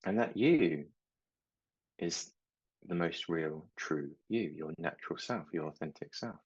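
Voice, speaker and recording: A middle-aged man and mindset coach talking slowly and reflectively, telling small stories about his children. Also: low voice, a little mellow, breathy edge, highs cut off. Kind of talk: reflective talk to camera.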